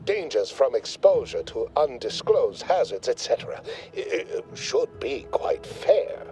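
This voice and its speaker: A man's voice: mid-range voice, sing-song, a little slow, dark tone, soft background music, rough recording. An actor playing a pompous male corporate scientist in a video game, speaking in verbose, condescending corporate jargon. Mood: smug.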